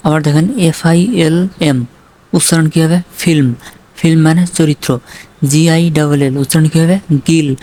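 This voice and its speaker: A man's voice: a little high, darkish tone. A man teaching English spelling and pronunciation, spelling words out letter by letter, then asking what each means and answering himself. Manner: asks questions then answers them himself; slow, deliberate spelling of words.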